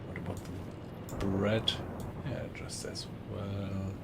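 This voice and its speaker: A man's voice: low voice, slow pace, heavy background noise. A man with a German accent, casually commentating a live game stream and chatting with viewers. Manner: relaxed, chatty, greets viewers in chat.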